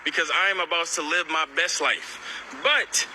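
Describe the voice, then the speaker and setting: A man in his late twenties telling a personal story in the first person, emotional and expressive, stammering when upset. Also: on the high side, normal speed, slight background noise, low-quality recording. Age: late 20s.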